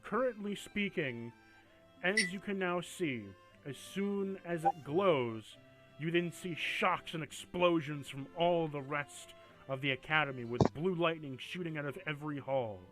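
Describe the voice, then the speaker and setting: A man's voice: fairly high pitch, unhurried, music in the background, rough recording. A man running a tabletop fantasy game, improvising narration that shifts between dramatic description and casual rules talk. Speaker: game master.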